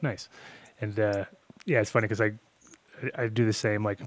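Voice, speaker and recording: A man's voice: on the low side, fairly even intonation, normal speed. A man in his fifties from upstate New York, hosting a casual interview and asking loose, rambling questions. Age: 50s. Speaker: podcast host.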